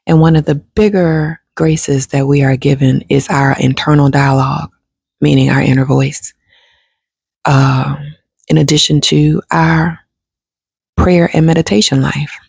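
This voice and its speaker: A woman's voice: low voice, steady tone, measured pace, creaky, a little mellow, slightly rough, dry recording. A woman giving a reflective spiritual talk, musing unhurriedly and turning emphatic and jokey with casual slang. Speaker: spiritual advice speaker.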